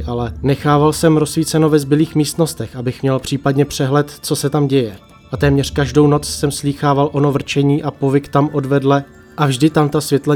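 A man narrates a first-person horror story in a hushed, measured voice. His pitch sits in the middle of the male range. Faint music plays beneath his slow, deliberate reading, which he breaks with long pauses. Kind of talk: creepypasta narration.

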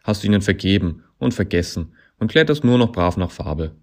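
A man voicing a sarcastic male climbing hold that talks back, dry and mocking, growing into loud accusations. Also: low voice, animated, extremely slow, full character voice. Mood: bitter.

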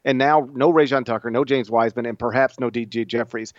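A man in his thirties, co-hosting a casual sports podcast, talking in an animated, chatty way with frequent restarts. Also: mid-range voice, a little fast, dry recording, muffled recording. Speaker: podcast co-host.

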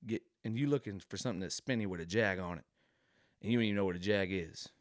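A man telling a long comic story in an animated, rambling way, full of slangy asides to the listener. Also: sits low, fast talker, no room sound, studio quality. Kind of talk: comedic storytelling monologue.

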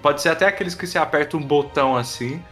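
A young man with a Brazilian accent in casual, excited, slang-filled chat as a podcast co-host. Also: on the high side, quick pace, soft background music.

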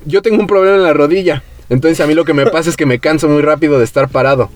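Telling a story on his podcast, this young Mexican Spanish-accented host keeps the talk laid-back and full of slang, impersonating whoever he quotes. His voice runs on the high side, and he talks quickly.

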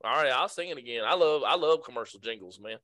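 A man's voice: mid-range voice, expressive, quick pace, over a noisy crowd. A man co-hosting a podcast, teasing his friends and laughing often over a video call. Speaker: podcast co-host. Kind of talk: crude casual banter.

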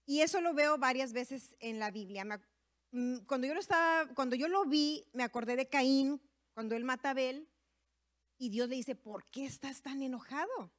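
A woman's voice: high-pitched, normal speed. A woman giving a conversational sermon to women, sprinkling in tag questions and fillers as she talks. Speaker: women's ministry speaker.

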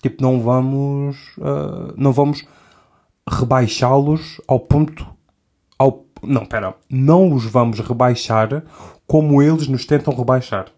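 A man's voice: medium pitch, fairly even intonation, measured pace, a little mellow. A young man with a European Portuguese accent, hosting a podcast in a rambling, self-interrupting comic monologue and laughing often. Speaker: podcast host. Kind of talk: casual comedic monologue.

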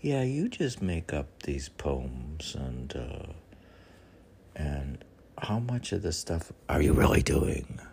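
Very deep and creaky yet very animated, a New York-accented man reads his poems slowly in a slightly mellow tone. His commentary between them wanders as he replies to himself, filler after filler. Slight background noise is audible.

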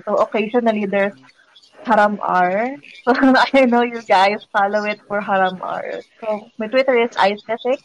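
A woman's voice: a little high, low-quality recording. A drunk woman with a Filipino accent, a cosplayer guest who giggles and rambles while chatting. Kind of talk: casual chat.

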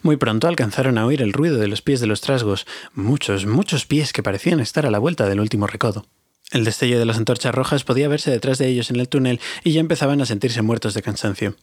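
A man's voice: mid-range voice, quick pace, husky, no room sound, studio quality. A man reading a fantasy audiobook aloud, confiding and speaking straight to his listeners. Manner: warm, confiding, addresses listeners directly. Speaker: audiobook reader. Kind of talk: storytelling narration.

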